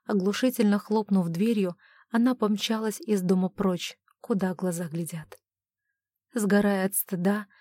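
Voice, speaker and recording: A woman reading a romance novel aloud as an audiobook narrator, measured and even. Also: medium pitch, no room sound, studio quality.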